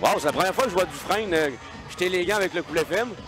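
A man's voice: high voice, fast. A man with a Quebec French accent giving live hockey commentary as the colour analyst. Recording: arena crowd and music behind. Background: hockey arena crowd, music.

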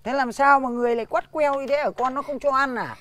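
An actor playing a grumpy, stingy old village chief who scolds and grunts, speaking. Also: male voice, extremely high pitch, steady tone, quick pace, sharp tone. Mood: gruff. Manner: bossy, scolding, full of grunts. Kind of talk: slapstick comedy film acting.

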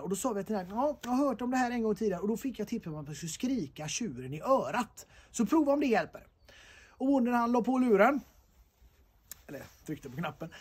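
A man's voice: high voice, darkish tone, slightly rough. A man telling jokes in a loose, half-improvised way, with lots of "eh" fillers, recorded outdoors. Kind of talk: casual joke-telling chat.

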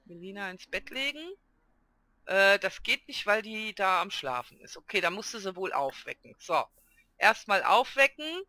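A woman hosting a let's play, chatting excitedly through her game and talking to her characters. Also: mid-range voice, normal speed, no echo. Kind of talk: casual gameplay commentary.

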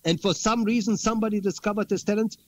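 A man's voice: high voice, fairly even intonation, fast talker, darkish tone, dull audio. A man speaking as a guest in an interview conversation, earnest and repeating words for emphasis.

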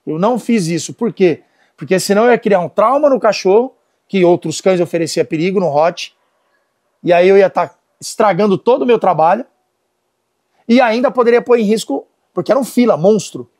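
A man's voice: sits high, brisk. A middle-aged Brazilian man, a dog trainer, telling stories and giving commands to dogs and helpers in a casual lesson. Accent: Brazilian Portuguese. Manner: animated storytelling, gives commands to dogs and helpers. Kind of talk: casual instructional talk.

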